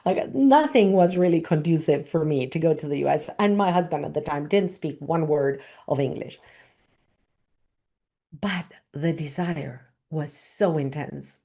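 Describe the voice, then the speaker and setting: A middle-aged woman from Argentina, a spiritual teacher telling a personal story in an expressive, emphatic way. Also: low-pitched.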